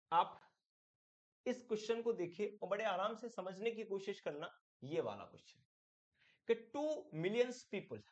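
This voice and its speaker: A man's voice: high voice, muffled recording. A man teaching an exam-prep English grammar lesson, chatty, asking questions and answering them himself. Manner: chatty, calls the viewer "my friend", asks and answers his own questions.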